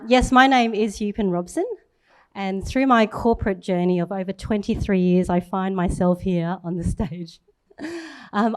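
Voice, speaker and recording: On stage, a Thai woman in her forties, a native Thai speaker from Thailand, gives an upbeat, chatty startup pitch, occasionally laughing at herself. Her tone is clear and resonant, with no room sound.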